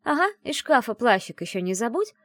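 A woman reading an audiobook and voicing a brash, teasing young woman who is the heroine's best friend, talking in a loud, mocking, bossy way. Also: medium pitch, sing-song, a little fast, no echo, clean studio sound, voice pushed up, natural voice.

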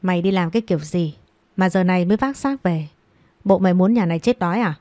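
A woman's voice: on the low side, fast talker, a little mellow, dry recording, lightly acted. A woman voicing a cruel, scornful middle-aged stepmother who scolds harshly and taunts with contempt. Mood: scornful scolding.

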